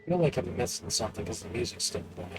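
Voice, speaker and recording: A man's voice: mid-range voice, lively intonation, fast talker, very noisy. A man giving casual commentary while playing a video game. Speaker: let's play commentator.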